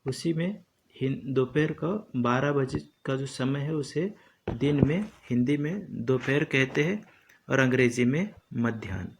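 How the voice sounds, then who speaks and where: A man teaching a lesson slowly and deliberately, repeating each term as he explains it. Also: medium pitch, creaky, slight background noise.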